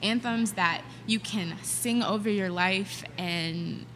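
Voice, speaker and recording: A woman's voice: medium pitch, slow, a bit bright, a little hiss or hum. A woman hosting a podcast in a casual, upbeat and emphatic conversational way. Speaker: podcast host, singer.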